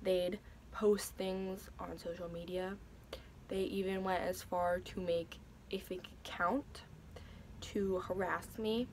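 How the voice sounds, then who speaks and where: Slow-spoken young woman, hesitant and emotional. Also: on the low side, steady tone, a little mellow, slight background noise. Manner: hesitant, emotional, many fillers and restarts. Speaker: vlogger. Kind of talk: personal story vlog.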